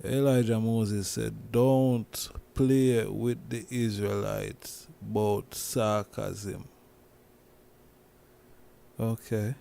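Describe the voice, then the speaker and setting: A man with a Jamaican accent, talking through a casual commentary monologue as host, slowly, with many restarts and repeated words. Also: on the low side, level tone, vocal fry, warm tone, clean tone. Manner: slow, repetitive, with many restarts and "you see me?".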